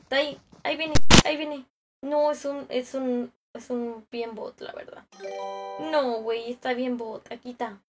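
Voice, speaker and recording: With music playing behind her, a young woman speaks at a measured pace in a fairly high voice that barely shifts in pitch. She's a gaming streamer with a Mexican Spanish accent, greeting viewers by name in slangy, profane livestream chat as she plays.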